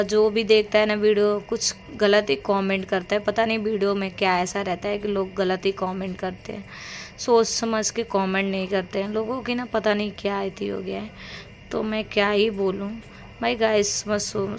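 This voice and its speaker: Young woman vlogging, voice worn rough. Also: medium pitch, little pitch movement, moderate pace, a little hiss or hum. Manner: rambling, chatty storytelling of chores. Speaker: home vlogger. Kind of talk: casual daily-life vlog narration. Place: at home.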